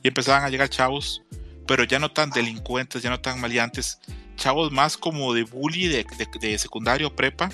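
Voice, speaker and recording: A man in his thirties with a Mexican Spanish accent co-hosts a podcast, telling stories in casual chat and mimicking voices with laughter. His mid-range voice is steady and sharp at a moderate pace, with faint music behind him.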